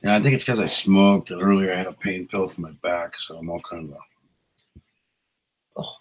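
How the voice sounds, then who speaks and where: A man's voice: deep voice, fairly even intonation, moderate pace, slight background noise, poor audio. A man hosting a casual live stream, rambling in a laid-back way and greeting viewers by name, on a small novelty mic. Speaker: livestream host. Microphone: small novelty microphone.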